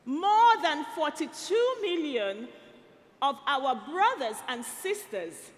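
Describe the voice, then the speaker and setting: A woman from Nigeria in her thirties giving a rousing speech to a youth rally on an arena stage through a headset mic, building to rallying shouts and call-and-response. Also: high voice, very animated, slow pace. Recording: long arena reverb. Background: arena hall.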